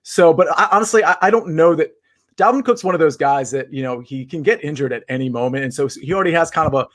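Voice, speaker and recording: A man's voice: a little high, fast talker, a bit bright. A man co-hosting a sports betting podcast, giving wry, rambling analysis full of fillers. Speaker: podcast co-host. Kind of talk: casual sports betting chat.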